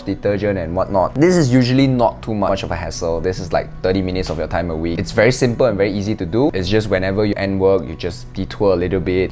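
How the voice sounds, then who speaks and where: A young man with a low, deep voice explains things to camera in a relaxed, conversational way. He works through a list point by point, with the odd restart, and a faint bed of music plays under him. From Malaysia. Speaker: vlogger. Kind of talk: casual explanatory vlog.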